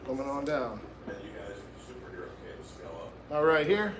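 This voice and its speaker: A man's voice: a little high, expressive, normal speed, roomy sound, background noise. A man hosting a live haircut tutorial as a barber, talking casually and in slang straight to his viewers. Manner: informal, slangy, addresses viewers directly. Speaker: barber and livestream host giving a haircut tutorial.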